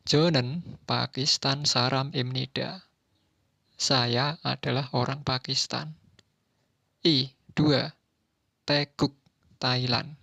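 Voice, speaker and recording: A man slowly reading a textbook language lesson, saying each word and then its translation. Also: medium pitch, gravelly, sharp tone, dry recording. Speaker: language teacher.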